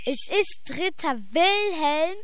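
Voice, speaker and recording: Woman doing a young fairy tale prince, high n bright, really slow talking, annoyed, slight noise. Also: lively intonation, heavily acted. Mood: exasperated. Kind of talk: fairy tale audio play.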